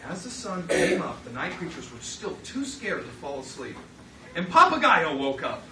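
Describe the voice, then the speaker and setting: A woman with a deep, sing-song voice tells a dramatic story at a moderate pace to children during a live puppet show, giving them short lines to repeat back. The sound is roomy and noisy, picked up by a distant mic.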